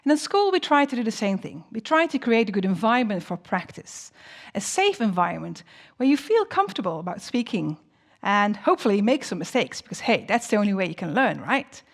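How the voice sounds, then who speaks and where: A woman's voice: medium pitch, sing-song, a little fast. A woman who is a non-native English speaker presents teaching tips as a teacher, in an encouraging manner with frequent rhetorical questions. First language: not English.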